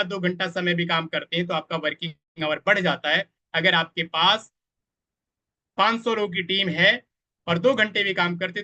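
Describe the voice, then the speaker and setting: A man with a high voice leads an online training session. His tone is bright and sharp, and he speaks straight to his viewers, often stopping to ask them to reply in the chat. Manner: addresses the audience directly, asks for chat replies; quotes others in a voice of their own. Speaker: network marketing trainer. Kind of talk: live online training presentation.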